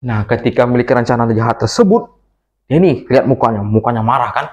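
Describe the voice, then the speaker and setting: Guy telling a bible story to little kids, super animated, talks right to them. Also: mid-range voice, quick pace. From Indonesia. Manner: animated, addresses children directly.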